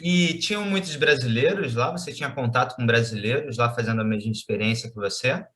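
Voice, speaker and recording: A man interviewing a guest, asking short curious follow-up questions in a relaxed conversational way. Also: medium pitch, brisk.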